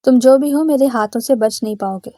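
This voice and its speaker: A woman voicing a stern, protective young man who is quick to anger, speaking firmly. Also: fairly high pitch, dark tone, no echo, clean studio sound, close to an everyday voice. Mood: stern, angry. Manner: firm, threatening delivery.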